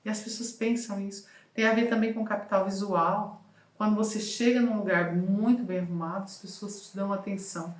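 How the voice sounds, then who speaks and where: A woman giving casual advice as a communication and voice coach, talking with lively shifts in pace and emphasis. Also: mid-range voice, a little fast, roomy sound.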